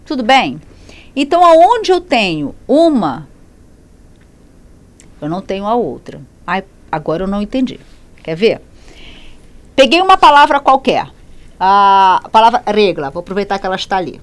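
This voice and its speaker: Speaking at medium pitch and normal speed with frequent pauses, a woman from Brazil explains Spanish grammar in Portuguese as a classroom lesson. Her manner is lively: she repeats and fixes her own slips and answers the questions she poses.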